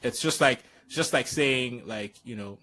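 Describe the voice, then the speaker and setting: In this conversational podcast interview, the host is a man who grew up in Nigeria. His mid-range voice has a sharp tone and a moderate pace, with slight background noise. He tends to hesitate and repeat words as he works through his thoughts.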